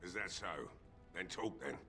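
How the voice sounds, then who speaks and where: Brief: a stubborn old blacksmith in a game, bright, forceful tone, bitter and despairing. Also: male voice, low voice, moderate pace, soft background music. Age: older. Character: grieving, stubborn old male blacksmith, drunk.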